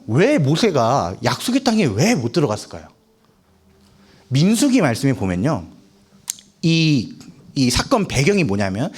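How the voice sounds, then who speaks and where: A young man preaching a sermon to high school students, lively and full of questions to the listeners, acting out the voices of the people in the story. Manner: lively, acts out quoted voices, asks the audience questions. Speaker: youth preacher.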